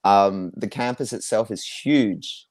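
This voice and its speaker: A man's voice: lowish voice, slow, a little mellow, no echo. A young Australian man chatting casually as a guest. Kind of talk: casual chat.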